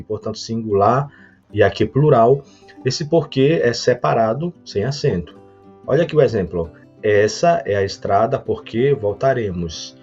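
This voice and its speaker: A Brazilian man teaching a recorded grammar lesson, explaining slowly with frequent hesitations and restarts. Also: medium pitch, darkish tone. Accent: Brazilian Portuguese. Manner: hesitant, many fillers and restarts; explanatory, reads example sentences slowly. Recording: dull lo-fi audio, faint guitar music.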